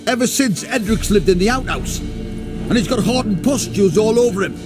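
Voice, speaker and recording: A man's voice: high-pitched, expressive, moderate pace, music in the background. An actor playing a cocky village henchman in a video game, talking in a taunting, colloquial way. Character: cocky village tough, henchman in a peasant gang.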